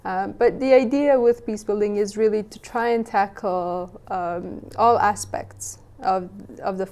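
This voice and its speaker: A woman's voice: mid-range voice, measured pace, a little mellow. A young woman from Western Bosnia, answering interview questions thoughtfully, with frequent restarts. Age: young adult. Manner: thoughtful, many restarts and "you know". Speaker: guest.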